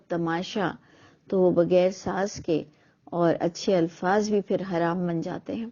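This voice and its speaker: A lowish, mellow female voice carries this reflective monologue on religious matters. The middle-aged speaker is earnest and argumentative, leaning on rhetorical questions, and the recording sounds dull and lo-fi.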